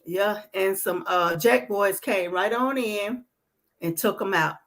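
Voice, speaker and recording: A woman's voice: medium pitch, slow pace, a bit bright. A woman hosting a casual talk show, chatting loosely about the news. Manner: reads a letter aloud; loose, conversational. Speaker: podcast host. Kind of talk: casual chat.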